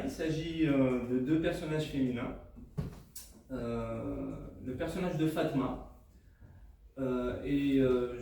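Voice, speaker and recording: A hesitant Arabic-speaking man, co-author of a book, presents it to an audience without a script, full of fillers and restarts. His voice is medium-pitched and warm. The mic sits at a distance in an echoey hall, with faint noise.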